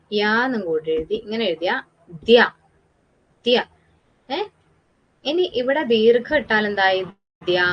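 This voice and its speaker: A woman with a Malayali accent teaching a Hindi class, explaining patiently, repeating words slowly and asking the students questions. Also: mid-range voice, dull audio.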